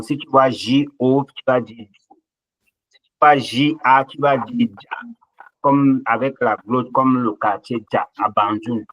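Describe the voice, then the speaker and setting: A man's voice: mid-range voice, dry recording, low-quality recording. A man patiently explaining letter sounds in an online language lesson. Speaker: language teacher. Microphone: online session microphone.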